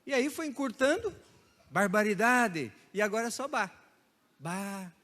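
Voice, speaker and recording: A man's voice: sits high, lively intonation, unhurried, bright, forceful tone. A male pastor giving a sermon, telling stories with playful imitations of regional expressions and laughing along the way. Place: church hall. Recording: church hall reverb.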